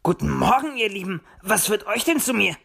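A woman's voice: fairly high pitch, expressive, moderate pace, a little mellow, breathy edge, voice pushed up. A woman voicing a clever, cheerful male fox in a storybook reading, with a teasing manner. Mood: surprised.

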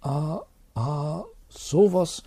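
A man's voice: on the high side, drawn-out words, vocal fry, dark tone, slightly rough, pitched above the performer's own voice, heavily acted. A man voicing a frightened village schoolteacher who stammers and shrieks. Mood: stammering.

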